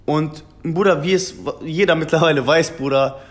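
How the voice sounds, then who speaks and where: A German rapper in his twenties chats casually and earnestly on a phone video call from a table in an indoor room, repeatedly calling the interviewer "Bruder." His voice is a little high and he talks at a normal speed.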